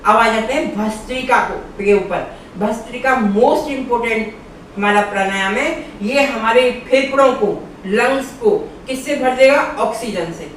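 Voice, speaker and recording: A woman's voice: a little high, unhurried, fairly bright tone, a little hiss or hum. Yoga lady walking you thru breathing, patient, step by step, far off mic in a really echoey room. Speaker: yoga instructor. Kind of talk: instructional yoga lesson.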